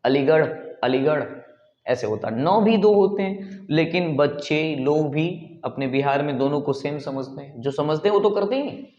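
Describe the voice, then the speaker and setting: A man teaching pronunciation, repeating each word slowly to drill the sounds. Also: a little high, expressive, darkish tone. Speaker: English teacher. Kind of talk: pronunciation lesson. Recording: echoey room, dull lo-fi sound.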